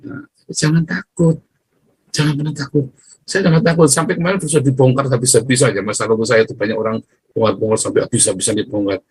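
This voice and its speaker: A man's voice: mid-range voice, fairly even intonation, quick pace, slightly rough, rough recording. A man giving an informal, chatty sermon, telling stories and often laughing between points. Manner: chatty storytelling, laughing often, acting out quoted voices. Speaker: preacher.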